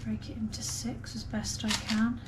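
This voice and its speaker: A woman's voice: on the high side, level tone, normal speed. A woman chatting casually and unhurriedly as she talks viewers through a home baking vlog step by step. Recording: clear background noise, room ambience.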